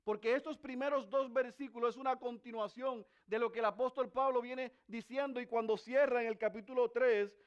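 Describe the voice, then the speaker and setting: This expository sermon comes from a man speaking briskly and smoothly in a steady tone, with few pauses and the highs cut off. He asks the congregation rhetorical questions and moves between raised, emphatic sections and very quiet, low ones.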